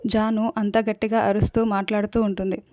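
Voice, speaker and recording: Steady mellow woman narrating a recap. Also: medium pitch, fast talker, no echo, studio quality. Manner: steady, plain storytelling. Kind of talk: storytelling recap of a TV serial.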